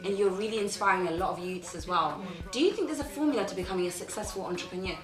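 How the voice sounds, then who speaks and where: Fast-talking young woman host. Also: medium pitch, crowd noise. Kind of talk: casual interview. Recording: roomy, distant mic, with music.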